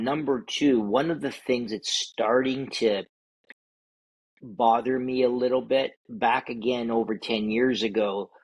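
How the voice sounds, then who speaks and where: A man answering in a podcast interview, speaking in a measured, emphatic way and laying out his points one by one. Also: lowish voice, breathy edge, no echo, low-quality recording. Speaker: startup ecosystem guest.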